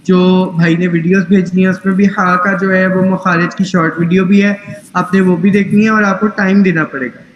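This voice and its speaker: A man's voice: sits high, little pitch movement, reverberant, muffled recording, slight background noise. A man teaching tajweed in an online class, patient and corrective, mixing English phrases into his speech. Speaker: Quran recitation teacher.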